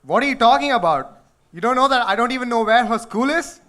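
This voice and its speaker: Man playing a fast-talking Indian dad. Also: extremely high pitch, expressive, fairly bright tone. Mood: refusing. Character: busy, unwilling Indian father. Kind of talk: amateur skit acting.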